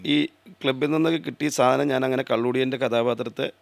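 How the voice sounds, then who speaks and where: Gravelly-voiced man telling stage stories. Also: medium pitch, fairly quick, dry recording. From Kerala, India. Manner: animated storytelling, breaks into song snippets. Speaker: actor, interview guest. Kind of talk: casual interview chat.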